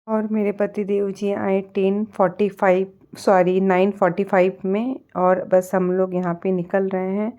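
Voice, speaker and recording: A woman's voice: medium pitch, level tone, normal speed, few pauses, mellow, muffled recording. A young woman with a Bihari accent, chatting casually to her vlog audience in a rambling way with many fillers. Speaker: vlogger.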